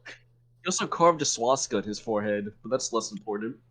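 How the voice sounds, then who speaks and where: A podcast co-host in casual chat, explaining things matter-of-factly and slipping in dark jokes. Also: male voice, on the low side, lively intonation, fairly quick.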